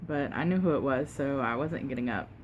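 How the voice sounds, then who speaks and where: A woman tells a casual, unhurried story while eating, pausing to chew and sometimes talking with her mouth full, with emphatic retelling. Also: extremely low pitch, lo-fi sound, a little hiss or hum. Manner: unhurried, conversational, emphatic retelling with quoted exchanges. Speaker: mukbang vlogger.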